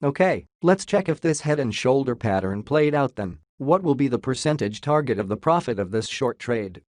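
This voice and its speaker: A man's voice comes through a robot voice filter, sitting at a middling pitch. He talks casually over a screen share of price charts and drops jokes as he goes. The sound is dry and close, with no room around it. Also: expressive, normal speed, a little mellow, no room sound. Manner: jokey, says "lol" aloud. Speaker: crypto chart analyst.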